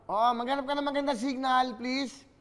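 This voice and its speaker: Loud urgent game show host. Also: male voice, very high voice, steady tone, moderate pace, long reverb tail. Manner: loud, urgent and coaxing on the phone. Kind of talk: live phone-in game show banter.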